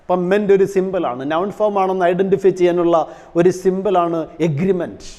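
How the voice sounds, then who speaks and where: High-voiced man teaching in a hall. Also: fairly even intonation, fairly quick, warm tone. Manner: asks rhetorical questions, mixes English terms into explanations. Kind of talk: classroom English lesson. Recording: long hall reverb.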